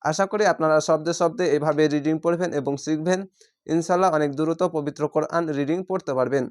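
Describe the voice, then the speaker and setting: Quran teacher, clear resonant voice, slow drawn-out recitation then plain patient explaining. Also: mid-range voice, steady tone, darkish tone. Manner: patient, repeats each word slowly then explains rules; chants Arabic words in drawn-out recitation tone. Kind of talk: word-by-word recitation lesson.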